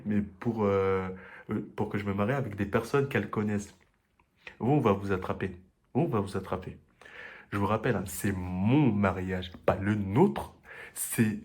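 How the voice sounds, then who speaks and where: A young man vlogging, telling animated stories with frequent laughter and acted-out quotes. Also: fairly low pitch. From Comoros family, raised in France. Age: young adult. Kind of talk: storytelling travel vlog.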